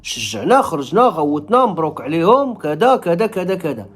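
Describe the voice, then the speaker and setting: A man's voice: fairly high pitch, very animated, fairly quick, slightly rough. A man from Morocco with a Moroccan accent gives casual spoken commentary to viewers, emphatic and repeating phrases to drive points home.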